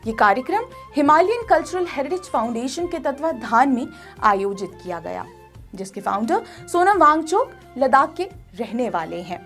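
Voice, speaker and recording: A woman's voice: sits high, very animated, normal speed, a bit bright, soft background music. A woman narrating a news feature in a formal, scripted reading voice. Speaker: news presenter.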